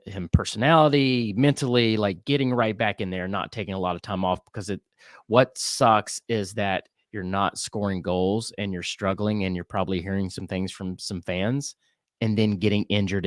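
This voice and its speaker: A man's voice: low voice, moderate pace, no echo, studio quality. A man hosting a casual podcast chat, talking earnestly and conversationally. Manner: earnest and conversational, with fillers and restarts. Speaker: podcast host.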